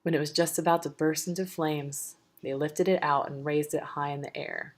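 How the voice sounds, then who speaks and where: Woman reading a storybook out loud, low voice, steady and measured. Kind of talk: storybook read-aloud.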